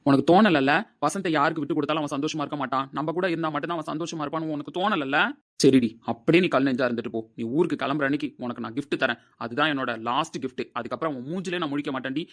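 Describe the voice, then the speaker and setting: Casting: a man as a bitter young lover, rapid shouted rebukes, slightly high voice. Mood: furious, hurt. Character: angry young man hurt in love.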